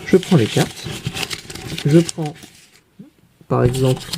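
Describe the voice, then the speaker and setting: A man teaching young children to read, explaining each card slowly and patiently and asking questions as he goes. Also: mid-range voice, vocal fry, noisy background. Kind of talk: reading lesson for young children.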